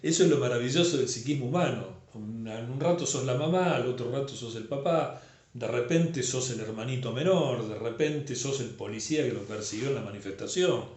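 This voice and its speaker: Argentine guy lecturing, lively, keeps asking "right?", roomy echo. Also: mid-range voice, fairly quick. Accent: Argentine Spanish. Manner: animated, keeps checking with "¿sí?". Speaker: psychoanalysis teacher. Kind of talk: lecturing, answering a student.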